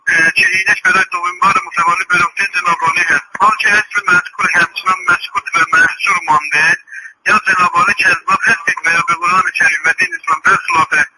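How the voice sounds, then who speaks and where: A man with a very sharp, bright, fairly high voice delivers a formal open letter as a voice message. He as a Turkish speaker from Iran, and he declaims in an accusatory way. Faint music plays behind him. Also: low-quality recording. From Iranian Azerbaijan. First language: Azerbaijani Turkish. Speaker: political prisoner. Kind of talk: reading a prepared open letter as a recorded voice message.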